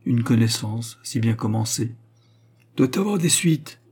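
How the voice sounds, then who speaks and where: A man's voice: medium pitch, lively intonation, a little slow, darkish tone, breathy edge. A man voicing a cold, courteous aristocratic vicomte who speaks with haughty politeness.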